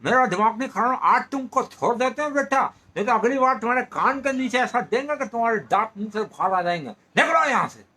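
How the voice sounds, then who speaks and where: A man doing an enraged father yelling. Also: extremely high pitch, lively intonation, a little fast, hardly any pauses, voice pushed up, exaggerated voice. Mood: furious scolding. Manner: shouting, scolding, threatening. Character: furious middle-aged father woken up, yelling threats.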